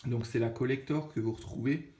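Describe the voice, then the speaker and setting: A man's voice: mid-range voice, steady tone, a little fast, mellow. A young man with an Alsatian French accent, hosting a casual unboxing video and chatting with lots of fillers and self-corrections. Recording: echoey room with faint noise.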